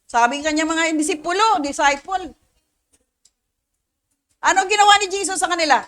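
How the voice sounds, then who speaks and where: A woman's voice: very high-pitched, normal speed, fairly bright tone. A Filipina woman in her sixties, a pastor preaching a sermon to her congregation, often asking them questions. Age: 60s. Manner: preaches in Tagalog and English, asks the congregation questions.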